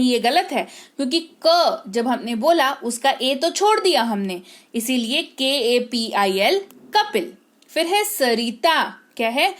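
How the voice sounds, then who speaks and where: A woman teaching English spelling, speaking patiently, repeating words slowly and checking that her students follow. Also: high-pitched. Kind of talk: explaining spelling to learners.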